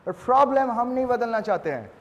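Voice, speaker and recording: A male pastor, preaching an animated sermon that mixes Hindi and English and acts out little scenes. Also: very high-pitched, brisk, lo-fi sound. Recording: reverberant hall.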